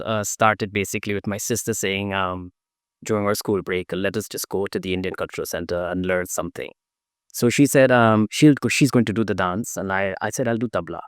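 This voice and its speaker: A middle-aged dancer from Guyana answers interview questions conversationally, telling his story thoughtfully with frequent fillers and restarts. His voice is low-ish, clear and resonant, recorded dry with clean studio sound.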